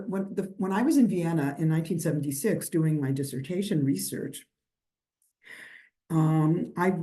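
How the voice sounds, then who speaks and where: Fielding questions after a lecture, an older New York woman who is a historian speaks in a low, warm voice. Her answers wander conversationally, full of fillers and false starts.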